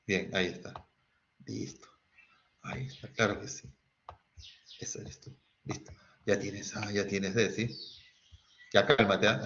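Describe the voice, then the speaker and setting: A man's voice: on the low side, a bit bright. Man teaching online, quizzes students, dull lo-fi sound. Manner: quizzing students, asking "¿sí?" often, sings snatches. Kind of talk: online chemistry class.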